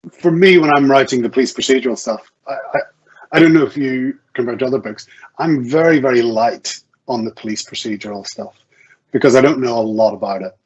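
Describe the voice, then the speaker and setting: This man's voice is husky and medium in pitch, moving at a normal speed broken by long pauses. He is a guest author being interviewed at an online video event, chatting hesitantly, correcting himself and stammering through restarts while thinking aloud. Muffled, lo-fi online call audio carries it.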